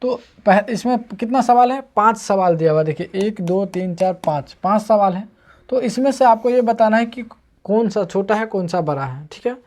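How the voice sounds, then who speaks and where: A man's voice: sits high, expressive, normal speed, a little mellow. A man teaching an online math lesson, explaining patiently and going over each step again and again. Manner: patient, repetitive explaining, walking through steps.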